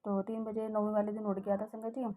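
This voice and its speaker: A woman's voice: medium pitch, level tone, fairly quick, mellow, poor audio. A middle-aged woman sharing a personal devotional testimony, rambling and heartfelt, with many hesitations and restarts.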